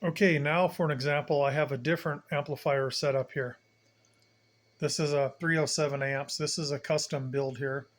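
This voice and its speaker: Speaking in a somewhat high, slightly bright voice, a man who hosts a hobbyist channel demonstrates equipment without a script. He walks through it step by step in plain language, repeating the important points.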